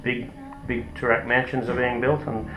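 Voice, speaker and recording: A company product manager with an Australian accent is being interviewed informally and explains products in a hesitant, explanatory way. His voice sits in the mid range with little pitch movement, and he talks at a moderate pace. The recording has a roomy echo with music playing behind him.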